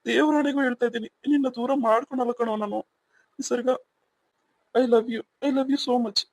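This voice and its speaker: A woman's voice: on the high side, fairly even intonation, moderate pace, darkish tone, no room sound, rough recording. A woman voicing a young husband in a cartoon who anxiously pleads with his wife in the hospital. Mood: tender. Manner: pleading, urgent. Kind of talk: cartoon voice acting.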